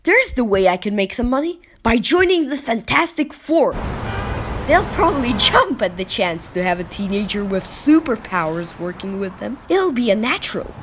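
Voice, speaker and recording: A woman's voice: a little high, big pitch swings, moderate pace, background noise. A woman voicing a brash, wisecracking teenage boy superhero who thinks aloud dramatically in an amateur comic-book dub. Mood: cocky. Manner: brash, talks to himself dramatically.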